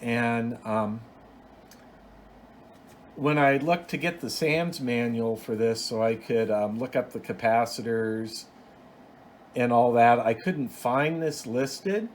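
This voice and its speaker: Taking his time, a man with a mid-range voice rambles plainly through a casual, unscripted show-and-tell as a hobbyist host. Clear background noise sits behind him.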